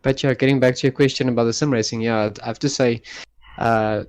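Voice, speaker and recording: A South African man speaks as a racing driver being interviewed. His voice is mid-pitched and his delivery is casual and conversational. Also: steady tone, a little fast, a little hiss or hum. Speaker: sim racer being interviewed. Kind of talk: casual post-race interview.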